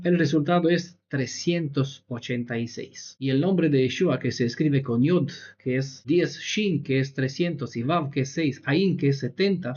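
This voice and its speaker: A man with a somewhat high voice teaches a Bible lesson, patient and explanatory. He spells out letters slowly and keeps checking in with his listeners. The recording is dull and muffled. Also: a little mellow. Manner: spells out Hebrew letters slowly, with short laughs.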